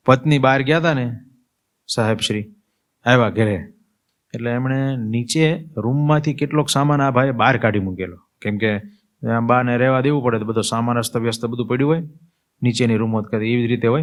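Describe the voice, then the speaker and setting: A man of mid pitch giving a storytelling sermon as a monk. He talks in a loose, conversational way and keeps turning to the listeners with little questions. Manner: conversational, asks listeners "you see?" and "tell me". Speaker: monk preacher.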